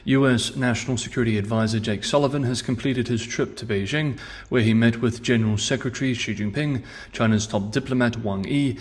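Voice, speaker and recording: A man hosting a scripted news analysis show in a measured presenter's delivery, recorded on a mic in a meeting room with imperfect acoustics. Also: medium pitch.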